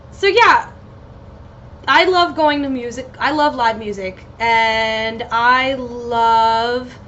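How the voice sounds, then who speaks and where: Hosting a solo podcast, this American woman speaks in a pushed, bright voice on the high side, giggling and swearing through a rambling chat. Slightly loopy from painkillers, she keeps losing her train of thought, and the muffled home recording has noticeable noise.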